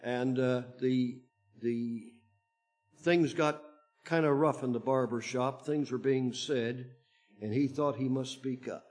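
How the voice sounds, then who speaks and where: A man preaching a Bible teaching to his congregation, speaking in halting phrases with frequent restarts and pauses. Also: mid-range voice, fairly even intonation, a little mellow. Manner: slow, halting delivery with many restarts. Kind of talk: sermon-style Bible teaching.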